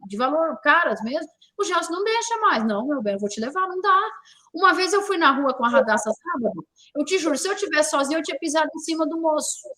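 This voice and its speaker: A woman's voice: extremely high pitch, pushed and bright. A woman from Brazil hosting a talk show, speaking emphatically, repeating key words and firing rhetorical questions. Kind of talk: opinionated talk show discussion.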